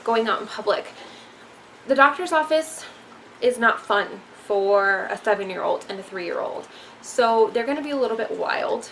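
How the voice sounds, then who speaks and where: Young mother vlogger, casual rambling chat, a bit of vocal fry, faint room hiss behind. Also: a little high, low-quality recording. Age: young adult. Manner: rambling, frank, many ums. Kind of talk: casual parenting talk to camera.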